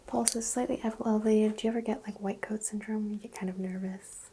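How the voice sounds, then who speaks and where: A woman whispers close to the mic as a calm doctor in an ASMR exam roleplay. Her voice is mellow and slightly gravelly, with a faint hiss of noise behind it. She speaks in soft, clinical, reassuring instructions. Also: medium pitch, a little fast.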